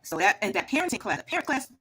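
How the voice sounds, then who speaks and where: A woman's voice: mid-range voice, big pitch swings, racing, a bit bright, breathy edge. A middle-aged woman and former teacher chatting casually on a remote call, rambling and restarting her phrases while her connection breaks up. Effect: choppy connection, stream breaking up. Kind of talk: casual online talk show chat.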